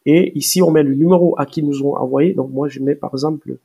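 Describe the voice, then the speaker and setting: A man walking viewers through software step by step in a screen-recorded tutorial, hesitant with many fillers and restarts. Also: a little high, fairly even intonation, fast, creaky, slightly rough. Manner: explains step by step, addressing viewers directly. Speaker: tutorial presenter.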